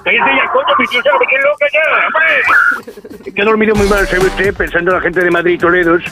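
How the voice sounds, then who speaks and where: Man as fast-talking, high-voiced woman caller. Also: fairly even intonation, over music, lightly acted. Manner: effusive, folksy, endearments. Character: chatty, affectionate older woman, radio phone-in listener from Málaga.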